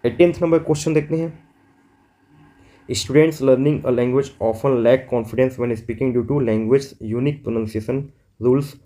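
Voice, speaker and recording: A man teaching an exam prep lesson, reading questions out slowly in English and explaining them in quick Hindi. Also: mid-range voice, mellow.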